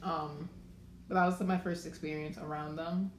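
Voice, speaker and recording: Low-voiced woman telling a laid-back story. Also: little pitch movement, normal speed. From Maryland, USA. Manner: laid-back storyteller, full of filler words. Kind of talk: casual podcast chat. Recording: roomy echo, faint background noise.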